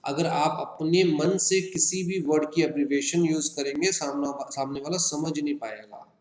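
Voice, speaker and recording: A man with an Indian accent teaching an exam-prep lesson, drawing out example words slowly and checking in with listeners. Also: on the high side, a little mellow, reverberant. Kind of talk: exam-prep lecture in Hindi-English mix.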